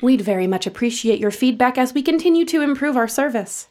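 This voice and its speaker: A woman's voice: fairly high pitch, expressive, a little mellow, husky. A woman voicing a chirpy, callous hotline operator. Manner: soothing then brisk customer-service cheer. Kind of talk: audio drama acting.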